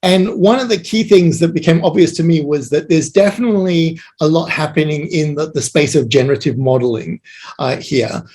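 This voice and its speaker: A man giving an online meetup talk, speaking haltingly with many fillers and restarts. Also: fairly high pitch, a little mellow. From Australia. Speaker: guest speaker.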